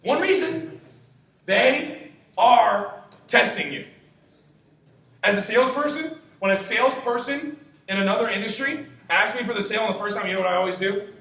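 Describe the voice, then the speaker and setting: A twenty-something man runs a punchy, emphatic sales training session for a group, tossing out rhetorical questions and casual swearing. He has a high, sharp-toned voice with lively intonation and vocal fry, speaking at a moderate pace with long pauses. The recording is very echoey, with a distant mic and a faint hiss.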